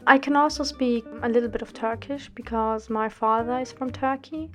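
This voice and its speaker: A woman's voice: a little high, moderate pace, soft background music. A woman of twenty-one from Austria, narrating a drawing video in a careful, scripted way. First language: German. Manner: careful, steady, read-out delivery. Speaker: art student and drawing channel host.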